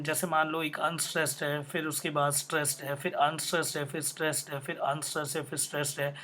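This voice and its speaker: Higher-pitched man teaching poetry. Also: a bit bright. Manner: explains step by step, repeats questions and answers them himself; mixes in English terms, spells words out letter by letter. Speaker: literature teacher. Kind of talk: explanatory lecture.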